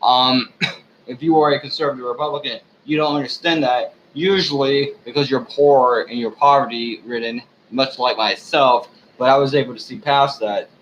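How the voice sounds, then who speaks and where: A drunk man giving a rambling, off-the-cuff rant to his viewers, swearing often, halting and losing his thread. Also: medium pitch, steady tone, a bit bright, dull audio, slight background noise. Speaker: online ranter, video host.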